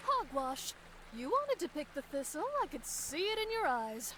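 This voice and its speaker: A woman's voice: sits high, very animated, moderate pace, sharp tone, slight background noise, exaggerated voice, low-quality recording. A woman playing a theatrical fortune teller in a video game, with a grandiose, mystical, old-fashioned delivery. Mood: indignant, scolding. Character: theatrical female fortune teller, secretly a scolding groundskeeper. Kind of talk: video game character acting.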